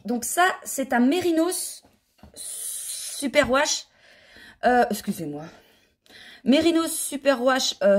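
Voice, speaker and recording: French-style chatty knitting lady on her sofa at home, kinda high voice, rambles and restarts a lot. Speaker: knitting vlogger and yarn dyer. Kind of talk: casual chat. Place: home living room, on the sofa.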